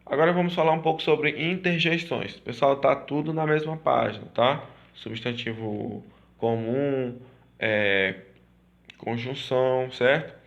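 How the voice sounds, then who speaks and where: A man's voice: mid-range voice, measured pace, creaky, dull audio. Man teaching a grammar lesson. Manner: repetitive, checks in with "certo?" and "tá?".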